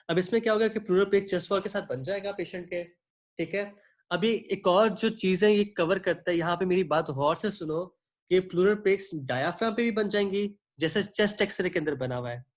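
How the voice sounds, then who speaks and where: A man's voice: high-pitched, brisk. A man teaching an online medical class, explaining at length and checking in often with his students. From Pakistan. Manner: explanatory, checks in often with "theek hai", asks students for questions; clears his throat now and then. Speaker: medical lecturer. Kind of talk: online lecture mixing Hindi-Urdu and English.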